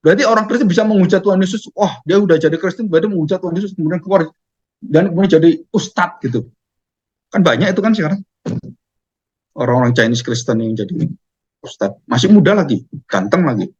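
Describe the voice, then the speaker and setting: A man's voice: high-pitched, expressive, quick pace, darkish tone, breathy edge, highs cut off. A man preaching a sermon, firing off questions and answering them himself.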